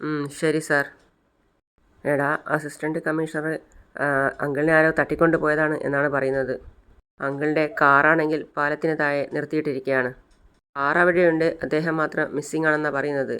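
A man casually retelling the plot of a TV serial as a steady storyteller. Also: a little high, a little fast, clear, resonant tone.

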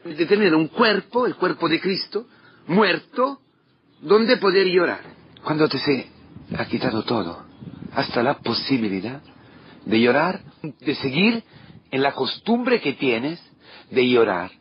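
A man preaching an impassioned sermon as a priest, swinging from loud declarations to hushed asides. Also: on the high side, big pitch swings, measured pace, pauses often, slightly rough. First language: Italian. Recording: dull lo-fi recording with faint noise.

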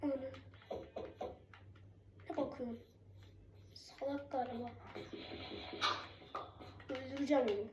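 High-pitched excitable young gamer, roomy echo. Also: takes it slowly, long pauses, noisy background. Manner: yells and swears at the game; urgent repeated commands. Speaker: gamer playing a survival game. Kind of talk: casual gameplay commentary. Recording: roomy echo with loud game music.

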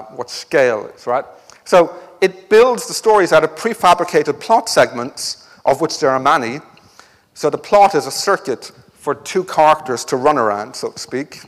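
A man's voice: mid-range voice, animated, moderate pace, long reverb tail. A man giving an academic conference talk with a wry, joking delivery. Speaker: conference speaker. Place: lecture hall.

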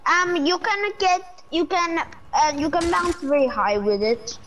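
A woman's voice: a little slow, a bit bright, slight background noise, poor audio. A woman chatting playfully and teasing her teammate while playing an online game. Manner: playful, teasing, jumpy pitch. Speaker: gamer. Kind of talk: casual gameplay chat.

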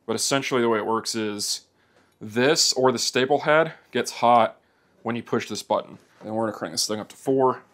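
A medium-pitched, fairly bright male voice guides viewers through a plastic welding repair on a motorcycle part. The demonstrator chats casually and plainly as he works in his indoor workshop.

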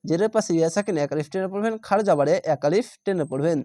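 A man's voice: high voice, quick pace, mellow, no room sound. A man patiently spelling out Quran syllables. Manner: patient and methodical, repeats syllables and draws out vowels. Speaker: Quran reading teacher. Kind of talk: spelling out Arabic syllables for learners.

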